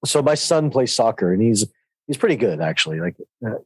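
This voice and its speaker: A middle-aged man hosting a podcast, telling a relaxed personal story in casual conversation. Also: fairly low pitch, brisk, slightly rough, no room sound, rough recording. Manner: easygoing anecdotal storyteller. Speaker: podcast host.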